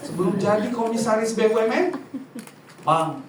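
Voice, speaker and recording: A male pastor preaching in a lively, humorous way, acting out little anecdotes. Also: high-pitched, crowd noise. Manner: humorous, mimics voices in quick asides. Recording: echoey hall, distant mic, noisy.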